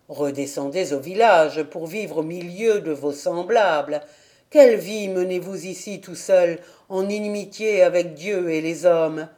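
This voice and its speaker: An audiobook reader voicing an earnest village pastor who speaks in a measured, persuasive way. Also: mid-range voice, mellow, lightly acted. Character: earnest village pastor, middle-aged man. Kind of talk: audiobook character reading.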